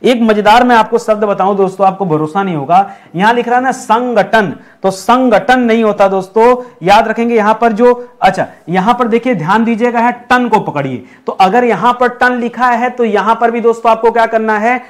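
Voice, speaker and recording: A man teaching a Hindi spelling lesson, calling the viewers friends and asking the class what each correct word is. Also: high-pitched. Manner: repeats questions to the class, addresses viewers as friends; drills each word slowly, syllable by syllable.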